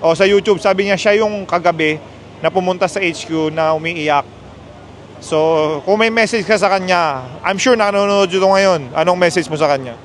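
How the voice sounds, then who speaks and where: Brief: animated male host, high voice, faint street noise, casual storytelling. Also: normal speed. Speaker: motorcycle club host.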